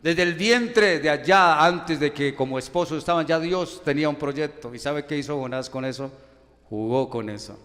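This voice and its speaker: A man with a Colombian accent preaching a sermon as pastor, asking many rhetorical questions, his loudness rising and falling. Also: medium pitch, fairly even intonation, normal speed. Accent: Colombian Spanish. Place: church hall. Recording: long church hall reverb.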